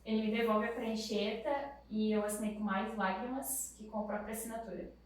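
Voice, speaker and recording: A woman's voice: medium pitch, flat delivery, a little fast, slight background noise. A Brazilian mother telling how her family lived through a hard time, in an emotional, pleading way. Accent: Brazilian Portuguese. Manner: tearful, pleading retelling. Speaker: guest, mother. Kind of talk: emotional testimony. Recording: echoey room, mic at a distance.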